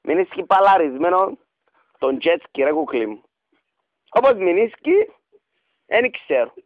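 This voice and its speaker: On a dry, slightly dull radio recording with no room sound, a man with a Cypriot Greek accent rambles and pleads theatrically through a prank call, cooing pet names. His voice is high and swings widely in pitch.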